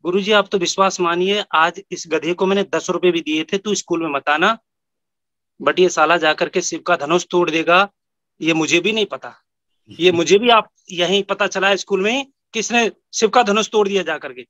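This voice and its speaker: A man's voice: high-pitched, normal speed, pushed and bright, no room sound, lo-fi sound. A man doing a flustered scolding schoolteacher. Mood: pleading. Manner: scolding, exasperated.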